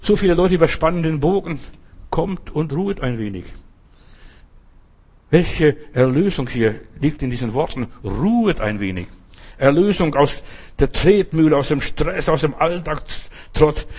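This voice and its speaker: A man preaching a sermon, repeating key phrases and slowing down to stress them. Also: on the high side, expressive, darkish tone, breathy edge.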